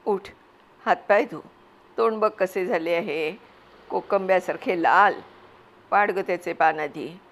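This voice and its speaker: A woman's voice: fairly low pitch, measured pace, pauses often. A woman doing a stern old village father. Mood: gruffly coaxing. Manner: scolding then coaxing.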